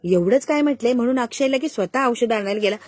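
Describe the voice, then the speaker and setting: A woman's voice: a little high, animated, quick pace, darkish tone, slightly rough, dry recording, clean studio sound. A woman voicing a defensive middle-aged mother who explains herself insistently. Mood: indignant.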